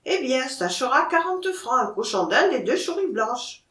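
A woman's voice: a little high, wildly swooping pitch, measured pace, a bit bright, echoey room, voice pushed up, exaggerated voice. A woman reading the lines of a young male monkey seller who haggles plaintively, in an audiobook. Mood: haggling.

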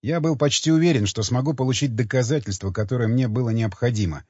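A man narrating a thriller in the first person as an audiobook reader, with expressive, lively intonation. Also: mid-range voice, fast, breathy edge, dry recording, dull audio.

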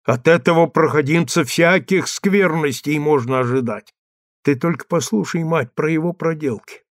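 A man's voice: moderate pace, no echo, clean studio sound, close to an everyday voice. A man voicing a stern old craftsman who scolds his wife and frets over dangerous news. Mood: grave. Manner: gruff, scolding, then lowered and secretive. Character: stern, fearful old craftsman, head of the house. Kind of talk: audiobook character voice.

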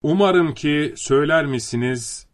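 Pompous drunken general, indignant and self-pitying, raised loud voice, read by a male narrator. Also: on the high side, measured pace, pitched above the performer's own voice, lightly acted. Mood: wounded pleading.

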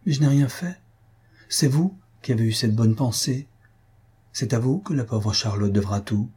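A man voicing a young countess, sorrowful and fervent, in a raised, gentle voice. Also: medium pitch, moderate pace, slightly rough. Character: grieving, warm-hearted young countess.

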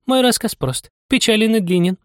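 A man reading a Russian storybook aloud and voicing a touchy, easily offended mouse in a high, indignant voice. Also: lively intonation, normal speed, fairly bright tone, no echo, clean studio sound. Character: touchy long-winded mouse, quick to take offense.

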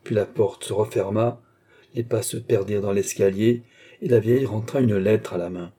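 A man narrating a classic novel as an audiobook, in a measured storytelling manner. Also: lowish voice, mellow, slightly rough.

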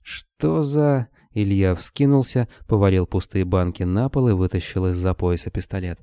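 A male audiobook narrator telling a dark fantasy tale in a steady way. His voice is low and dark, with a mellow tone. The recording is dry and close to the mic. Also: moderate pace, clean tone, no room sound.

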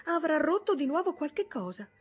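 A woman voicing a sharp-tongued, impatient young wife who exclaims in a raised, scornful voice. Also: high-pitched, big pitch swings, moderate pace, faint music behind, voice pushed up.

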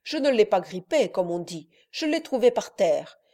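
A woman voicing a cheerful, hungry young peasant man in a storybook reading, speaking loudly and with gusto. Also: mid-range voice, very animated, moderate pace. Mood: chatty. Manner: loud, exclaiming, jovial.

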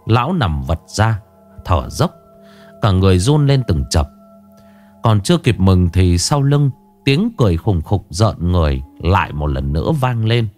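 Expressive male horror storyteller. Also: sits low, a little slow, soft background music. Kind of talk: scripted horror narration.

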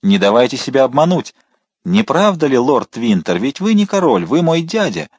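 A man voicing a defiant young male villain on horseback in an audiobook, shouting in mockery. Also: medium pitch, big pitch swings, moderate pace, slightly rough, dry recording, voice pushed up. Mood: mocking triumph. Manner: shouting, mocking.

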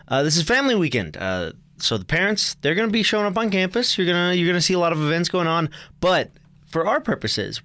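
A man's voice: fairly high pitch, fairly bright tone, no echo. A young man co-hosting a casual college sports preview, chatty and joking, often stumbling and correcting himself. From United States. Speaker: sports show co-host.

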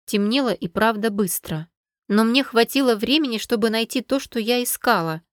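A woman narrating a first-person fantasy audiobook with an even storytelling delivery. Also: fairly high pitch, moderate pace, dry recording, studio quality.

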